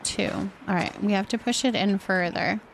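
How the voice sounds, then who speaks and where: A woman hosts a game livestream, chatting casually with viewers and helpfully explaining each step while she plays. Her medium-pitched voice is gravelly at a moderate pace, with a little hiss or hum.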